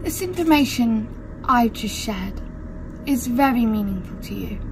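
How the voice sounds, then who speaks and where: A young woman playing a cool, formal interrogator in a film drama, measured, deliberate and matter-of-fact. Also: on the high side, animated, noisy background. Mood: insistent, clinical. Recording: music behind the voice.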